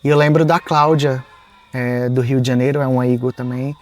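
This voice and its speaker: A man, a podcast guest, telling an emotional personal story in a soft-spoken way that often trails off, with many small fillers and re-enacted quotes of his own past words. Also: mid-range voice, fairly even intonation, brisk, faint music behind.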